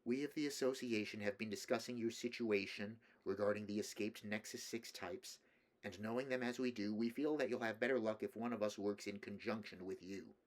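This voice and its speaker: A man voicing a calm, persistent female android with a soft-spoken, placating manner. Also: fairly low pitch, fairly quick, lightly acted.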